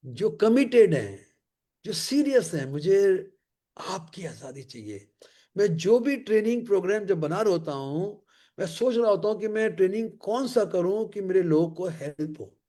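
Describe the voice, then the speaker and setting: Emphatic high-voiced male motivational trainer. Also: sing-song, warm tone. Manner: emphatic and repetitive, with slow English catchphrases. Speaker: leadership trainer.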